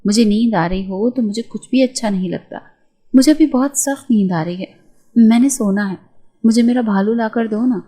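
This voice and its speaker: A woman's voice: on the high side, mellow, natural voice. A woman reading the part of a naive, childish teenage bride in a spoken novel, with a whiny, pleading way of talking. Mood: fretful.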